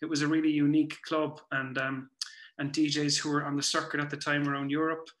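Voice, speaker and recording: A playwright and performer from Cork, Ireland, a man in his forties, chats reflectively as an interview guest, often halting and circling back to rephrase. His voice is a little high and a bit bright, with a flat delivery, picked up by a computer mic on a video call from a small room at home with roomy sound.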